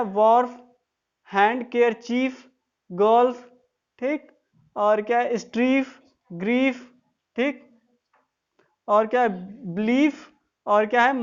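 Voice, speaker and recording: Lady teacher running an online grammar class, fairly high voice, keeps checking everyone gets it, a bit muffled. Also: clear, resonant tone. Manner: explains step by step, often checks in with the class. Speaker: English teacher.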